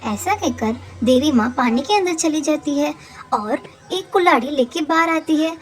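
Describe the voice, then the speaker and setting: A woman narrates a cartoon fable in a steady, plain storytelling manner. Her voice sits high. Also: normal speed.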